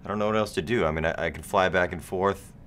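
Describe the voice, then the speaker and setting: A troubled young TV actor, deep voiced. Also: male voice, fairly bright tone, slight background noise. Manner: halting, pleading. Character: young male TV actor, torn and worried.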